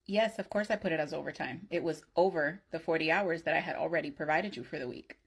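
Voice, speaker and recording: A woman's voice: deep voice, fast talker, slightly rough. A woman playing an assertive, sardonic office employee in a workplace comedy skit, speaking firmly, bluntly and with sarcasm. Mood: firm, indignant. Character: assertive, sardonic female office employee who refuses unpaid work.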